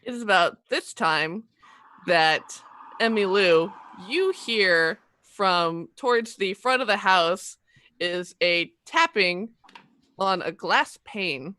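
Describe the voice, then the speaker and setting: A woman acting as game master, narrating a tabletop game in a casual, improvised, halting way. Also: mid-range voice, pushed and bright.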